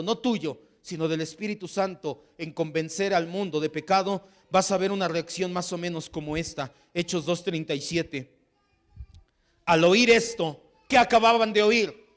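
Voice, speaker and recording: A man's voice: fairly high pitch, fairly even intonation, moderate pace, hardly any pauses. A man with a Mexican Spanish accent preaching a sermon as pastor, with impassioned delivery that acts out the voices he quotes.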